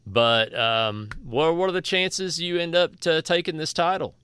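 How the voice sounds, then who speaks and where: A man's voice: on the high side, unhurried, fairly bright tone, smooth, dry recording. A man hosting a casual podcast, folksy and joking, with a slightly sore throat. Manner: joking, folksy, loose with restarts. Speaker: podcast host.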